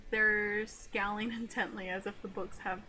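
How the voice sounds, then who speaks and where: Female game streamer: bright, unhurried read-aloud, giggly, casual asides, faint music underneath. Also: medium pitch, flat delivery. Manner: giggly, often laughing while reading. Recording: music behind the voice.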